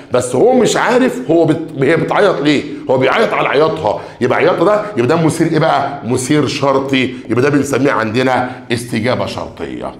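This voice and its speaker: A man's voice: a little high, echoey room. A man with an Egyptian Arabic accent teaching an exam revision lesson. He talks straight to his students and stretches out key words one by one as he reads a question aloud. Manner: addresses students directly, calls for blessings on the Prophet.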